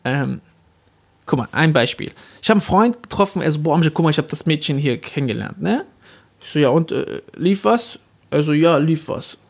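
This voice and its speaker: Man, casual talk-show co-host, quick and gravelly, animated anecdote teller who acts out the people in his stories. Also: fairly high pitch. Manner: animated storytelling, acts out quoted dialogue. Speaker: co-host, stand-up comedian. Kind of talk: casual debate chat.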